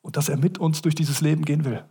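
A man's voice: a little high, fairly even intonation, fast, dark tone, slightly rough. A man preaching a sermon as a pastor, speaking earnestly and addressing listeners directly.

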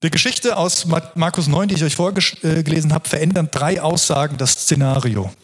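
Earnest husky-voiced male preacher. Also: on the high side, fairly quick. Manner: earnest, reflective, with frequent restarts. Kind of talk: sermon.

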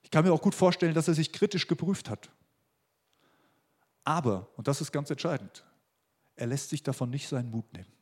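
Man, pastor, sermon, emphatic, repeats key lines, fairly high pitch. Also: animated, fairly quick, pauses often, darkish tone, husky. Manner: emphatic, repeats key phrases, acts out quoted voices.

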